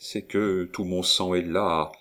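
A man's voice: sits low, steady tone, takes it slowly, pushed and bright, exaggerated voice. A man doing a haughty, proud noblewoman. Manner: haughty, impassioned. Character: proud defiant young noblewoman.

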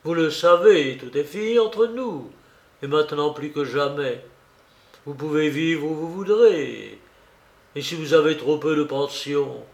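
A man's voice: a little high, a little slow. A man playing a cold, weary estranged husband who answers curtly in an audiobook reading. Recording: roomy echo.

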